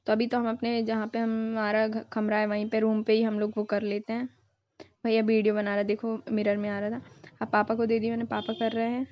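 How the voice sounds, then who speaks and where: A woman's voice: on the high side, monotone, a little fast, no echo, lo-fi sound. A young woman vlogger narrating her family's festival video in a casual, chatty way, dropping in English words now and then.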